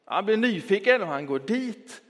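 A man preaching a Sunday sermon in a church, reflective, switching between quick talk and slow, stressed words. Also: high voice, animated, a bit bright. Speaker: pastor. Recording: long church reverb.

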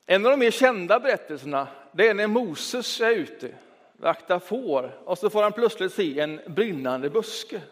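A man preaching a Sunday sermon in a church, reflective, switching between quick talk and slow, stressed words. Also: high voice, animated. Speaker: pastor. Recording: long church reverb.

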